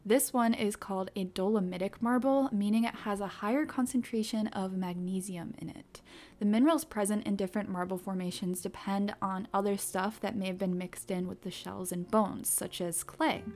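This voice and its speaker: A woman hosting a geology video, giving clear, upbeat scripted science narration. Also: medium pitch, steady tone, normal speed, a little mellow. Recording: background music under voice-over. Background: background music.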